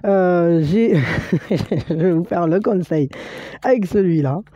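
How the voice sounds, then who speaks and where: Speaking straight to the viewer, this woman offers an encouraging tarot reading with a spiritual focus, stumbling through fillers and restarts. Her pitch is fairly low and her tone dark; there's no echo, though the highs are cut off.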